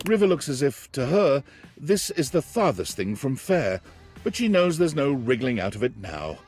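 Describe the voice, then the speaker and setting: An actor playing a wry narrator who describes the scene in scripted dating game narration. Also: male voice, mid-range voice, big pitch swings, moderate pace, a little mellow, faint music behind, close to an everyday voice. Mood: wry, observant.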